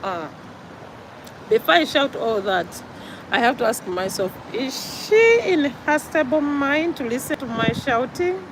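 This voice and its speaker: A woman's voice: high voice, animated, unhurried, background noise. A Ugandan woman with a Ugandan accent gives an earnest, preachy vlog monologue, repeating her points for emphasis. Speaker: vlogger.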